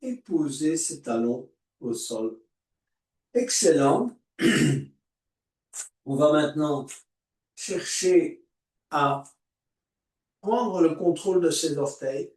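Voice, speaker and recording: A man guiding a yoga class, giving calm, drawn-out cues for breathing and movement. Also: fairly high pitch. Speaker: yoga teacher. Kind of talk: guided yoga class instruction. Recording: echoey room, voice far from mic.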